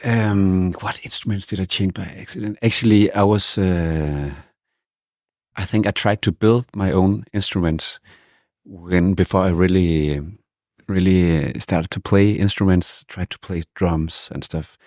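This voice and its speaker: Danish male musician, deep voice, casual interview guest, halting delivery, dry close sound. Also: darkish tone, dry recording. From Denmark. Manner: hesitant, with many restarts.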